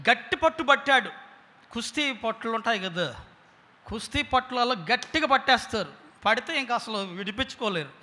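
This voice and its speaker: Man, pastor, very high piercing voice, passionate sermon, long reverb of a church hall. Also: expressive, normal speed, sharp tone. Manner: impassioned, fires rhetorical questions at the congregation.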